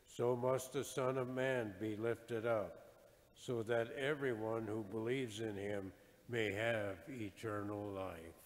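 A deacon proclaiming the gospel in a measured, formal way, his voice carried by a long church reverb. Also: on the low side. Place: large church.

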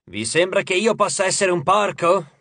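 A man voicing a pompous, grumpy male sea god who talks like a booming showman announcer, slow and loud. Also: lively intonation, slightly rough, dry recording, exaggerated voice. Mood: grumbling.

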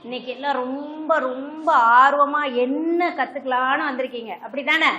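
A woman's voice: high voice, fairly even intonation, moderate pace, muffled recording, a loud crowd. A woman teaching a classroom lesson to young children with a Tamil Nadu accent, coaxing them along with constant questions. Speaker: primary school teacher. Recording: echoey classroom, faint noise.

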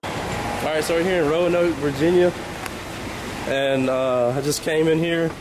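A man's voice: a little high, fairly even intonation, unhurried, background noise. A man hosting a casual car audio vlog, chatting easily with a fan at his truck. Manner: laid-back, says "man" a lot. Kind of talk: casual chat.

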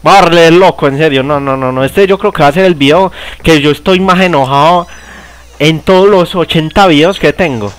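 A man's voice: on the high side, normal speed, smooth. A young Colombian man with a Paisa accent, cursing and grumbling while he plays a horror game. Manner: cursing, shrieking and laughing in mock panic. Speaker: gamer. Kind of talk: angry let's-play commentary. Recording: game music behind the voice.

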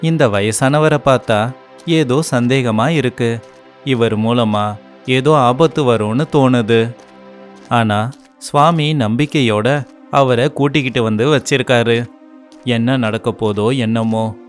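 A man voicing Hanuman in an animated story, earnest and suspicious of a stranger. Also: medium pitch, slow, pauses often, soft background music, natural voice. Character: loyal, wary monkey god devotee.

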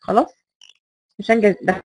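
A woman's voice: mid-range voice, steady tone, fast talker, darkish tone, husky, low-quality recording. A woman with an Egyptian Arabic accent giving a recorded lecture, stressing key words and repeating rhetorical questions.

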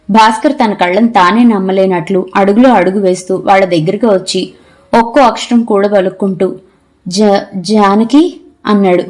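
A woman narrating a novel in an audiobook, telling the story in a measured, expressive way. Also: medium pitch. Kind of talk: scripted narration.

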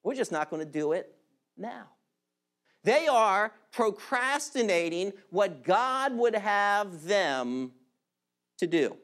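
A male pastor preaching a sermon in an animated, emphatic way, drawing out key words. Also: high-pitched, slow.

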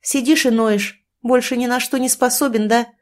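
A woman's voice: on the high side, fairly even intonation, normal speed, pitched above the performer's own voice, close to an everyday voice. A woman reading an audiobook, voicing a scheming, sarcastic young woman who taunts her lover. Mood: mocking.

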